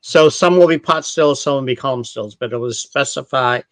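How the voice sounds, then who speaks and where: A man's voice: medium pitch, brisk, dry recording. A man from Canada, a brand ambassador explaining spirits in a casual online tasting chat, rambling and correcting himself as he goes.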